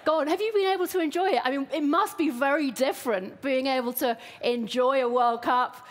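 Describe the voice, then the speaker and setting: A woman's voice: high-pitched, brisk. A woman, hosting an event and interviewing a guest on stage. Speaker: host, interviewer. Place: large theatre stage. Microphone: headset.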